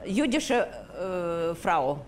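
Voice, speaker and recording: Older Ukrainian woman speaking slowly, halting. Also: lowish voice, sing-song. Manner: halting, searching for words. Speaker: passer-by interviewed. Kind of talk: street interview. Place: outdoor market. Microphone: handheld boom mic.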